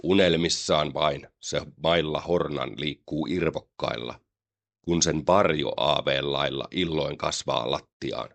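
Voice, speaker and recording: A man giving a slow, solemn, dramatic recitation of a poem. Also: very deep voice, creaky, a bit bright. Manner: slow, solemn, measured delivery. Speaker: poetry reader.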